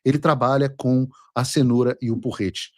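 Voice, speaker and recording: A man's voice: medium pitch, fairly even intonation, moderate pace, dry recording, clean studio sound. A man with a Brazilian accent hosting opinionated political commentary, sarcastic and mocking. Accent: Brazilian Portuguese. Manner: sarcastic, mocking, translates clips aloud.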